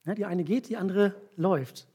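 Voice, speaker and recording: A man with a fairly high, husky voice preaches to a gathering. He retells a scripture passage step by step and has volunteers stand up to act it out. He checks in with his listeners with short tag questions as he goes. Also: mellow. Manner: explains slowly with frequent tag questions. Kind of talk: sermon with volunteer demonstration.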